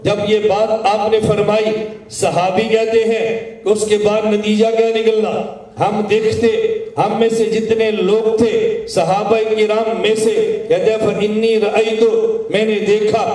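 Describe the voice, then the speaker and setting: A man's voice: sits high, little pitch movement, mellow, very echoey, distant mic. A man with a Pakistani Urdu accent preaching a sermon and speaking straight to the congregation. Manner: instructive, addresses the congregation directly. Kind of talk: sermon with live demonstration.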